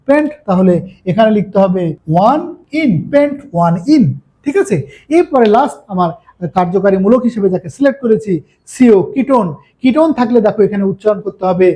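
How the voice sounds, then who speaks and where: A man's voice: sits high, mellow. A man giving a chemistry lecture, explaining step by step and often checking if students follow. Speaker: chemistry teacher. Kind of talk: classroom lecture.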